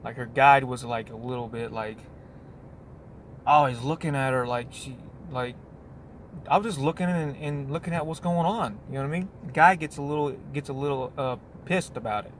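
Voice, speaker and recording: Man, middle pitch, loose rambling vlog talk on a break, restarts and asides, faint background noise. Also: normal speed. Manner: meandering, full of restarts and "you know what I mean". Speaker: vlogger. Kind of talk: casual rambling monologue.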